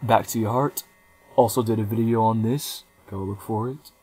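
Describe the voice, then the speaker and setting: A man's voice: on the low side, steady tone, moderate pace, darkish tone, slightly rough. A young man in his twenties giving a casual, rambling album review, hesitating often with frequent ums and small restarts. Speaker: music reviewer.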